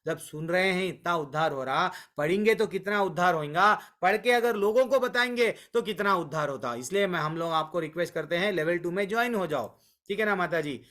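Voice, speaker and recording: A man's voice: sits high, brisk, a bit bright. A man teaching a devotional scripture class, earnest and coaxing, who repeats words for emphasis and mixes in English words. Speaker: Bhagavad Gita class teacher.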